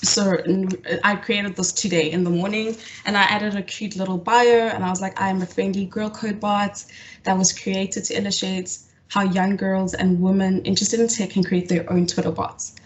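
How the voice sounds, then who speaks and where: A woman's voice: mid-range voice, level tone, moderate pace. Woman teaching, hesitant. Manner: hesitant, lots of fillers and restarts. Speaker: workshop facilitator. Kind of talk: live online coding tutorial. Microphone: video call.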